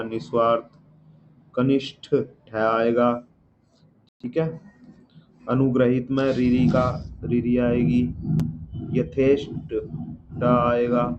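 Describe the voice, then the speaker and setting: Word after word, a male Hindi exam teacher spells out his lesson, posing questions he answers himself and frequently confirming with "ठीक है" after repeating each term. His voice is medium-pitched and darkish, captured on dull lo-fi audio with a faint hum of the room.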